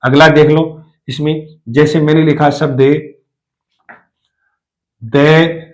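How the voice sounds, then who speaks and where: Male teacher, fairly high voice, repetitive step-by-step lesson delivery. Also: steady tone, slow pace, poor audio. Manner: repeats rules and asks rhetorical questions. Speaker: Hindi lecturer teaching spelling rules. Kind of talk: classroom lesson explanation.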